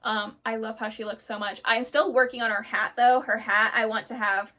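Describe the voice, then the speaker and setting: A storyteller vlogger with a high, bright voice chats casually with her viewers about characters she invented. She gushes excitedly and fills her pauses with plenty of "um"s.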